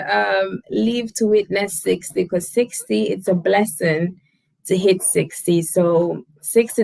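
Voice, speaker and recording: Chatty woman with a gravelly voice. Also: fairly high pitch, no room sound, low-quality recording. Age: 20s. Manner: chatty, laughs often, thanks viewers by name. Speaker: livestream host. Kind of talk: casual live chat reading viewer comments.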